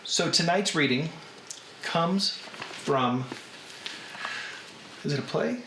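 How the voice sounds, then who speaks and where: A man with a Southern US accent chatting casually to livestream viewers as host, in an unhurried drawl with drawn-out words. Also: a little high, a bit bright. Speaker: host of a live reading stream. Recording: roomy echo, faint background noise.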